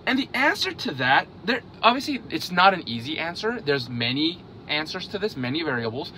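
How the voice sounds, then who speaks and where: A man in his thirties talks straight to camera in a casual vlog, his fairly high voice bright and pushing forward. His pitch jumps around a lot, and he tacks an "okay?" onto nearly every point. A faint vehicle hum sits low in the background. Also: brisk. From South Korea, raised in Hungary. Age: 30s. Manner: animated, checks in with "okay?" after most points. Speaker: vlogger on investing. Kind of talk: casual direct-to-camera talk.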